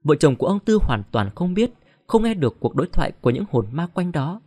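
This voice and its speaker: A man narrating a folk ghost story as an audiobook, steady and even. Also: on the high side, fairly quick.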